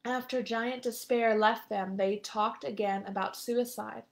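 A woman's voice: fairly high pitch, fairly even intonation, a little slow, vocal fry. A woman reading a story aloud live for children, breaking off for chatty asides to her young listeners.

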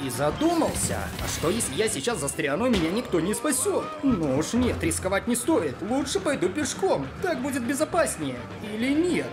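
Woman as high, fretful schoolboy Kolya, animated. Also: normal speed, few pauses. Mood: anxious, comic. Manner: fretful, exaggerated. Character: anxious, dramatic schoolboy narrator Kolya. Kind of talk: comic scripted first-person story narration. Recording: echoey voice over loud music.

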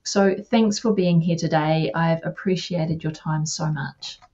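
A woman hosting an interview over a video call, chatty and affirming with many quick agreements. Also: deep voice, steady tone, a little mellow, dull audio. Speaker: interview host. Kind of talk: casual interview chat.

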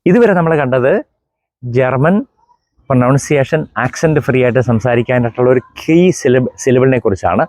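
A middle-aged priest from Kerala giving a German pronunciation lesson, spelling out contrasting sounds and repeating examples slowly. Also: male voice, mid-range voice, a little mellow, dry recording, clean studio sound. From Kerala, India. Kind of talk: explanatory language lesson.

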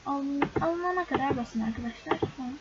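High-voiced chatty young woman gaming vlogger. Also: fairly quick. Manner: chatty, exasperated, often addresses viewers as friends. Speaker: gaming YouTuber. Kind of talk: casual game screen-recording commentary. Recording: dull lo-fi recording with loud background noise.

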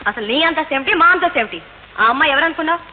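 An actress playing a proud, defiant young woman in love, sharp and scolding, in an old film soundtrack. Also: high voice, animated, very fast, in a large hall, narrow, tinny audio, slight background noise.

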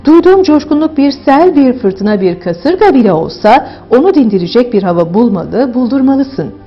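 A woman reading diction exercises aloud in a clear, measured way. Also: fairly high pitch, very animated. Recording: dull lo-fi with faint music.

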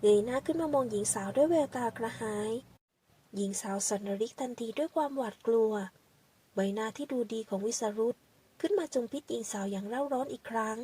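A woman narrating a romance audio novel in a steady, soft reading manner. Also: a little high, brisk, slightly rough, far from the mic.

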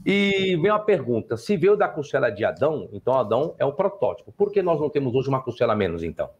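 A man's voice: mid-range voice, fast, dull audio. A Brazilian man hosts a live stream lecture, his voice rising and falling a great deal as he explains. He talks to his viewers and guests in a teacherly way, tagging points with short checks. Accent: Brazilian Portuguese. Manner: lively, lecturing, frequent "tá?" tags.

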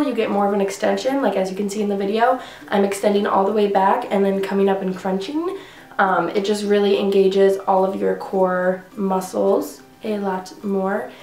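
Sitting in her living room, a fitness vlogger in her twenties talks to camera about workouts in a loose, rambling way full of fillers. She sounds congested, with a medium-pitched, darkish voice, and the room is echoey.

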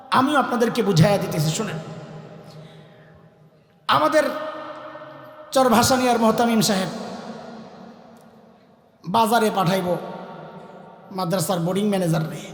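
High-pitched fiery preacher. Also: male voice. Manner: call-and-response, shouting questions to the crowd; storytelling with quick voiced asides. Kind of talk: fiery sermon at a large religious gathering. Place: large open-air religious gathering. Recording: echoey PA sound at a crowded outdoor event. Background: crowd of listeners.

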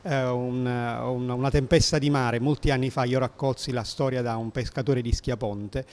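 A man's voice: medium pitch, steady tone, normal speed, a little mellow. A middle-aged man with a Neapolitan accent, a poet speaking in an interview into a handheld microphone. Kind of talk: interview talk and poetry recital in Neapolitan dialect. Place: indoor exhibition hall of a seminary. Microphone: handheld interview microphone held to him.

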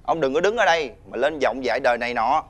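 An actor playing a menacing male debt-collecting thug, talking loudly and scornfully. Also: mid-range voice, lively intonation, fast. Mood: threatening. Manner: loud, scornful, ordering others around. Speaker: debt collector's henchman leader. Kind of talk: TV fairy-tale drama acting.

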